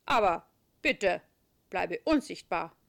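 A woman voicing a kindly elderly male saint in a children's story, calm and fatherly. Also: fairly low pitch, slow, gravelly, heavily acted.

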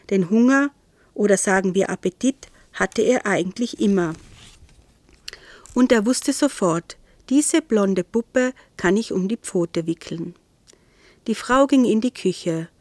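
A woman reading a children's story aloud in an expressive, playful way. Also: mid-range voice, no room sound. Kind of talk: audiobook reading.

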